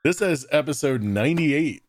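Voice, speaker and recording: A man's voice: fairly high pitch, lively intonation, moderate pace. A man hosting a casual podcast chat, talking in a laid-back, rambling way and swearing now and then. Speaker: podcast host.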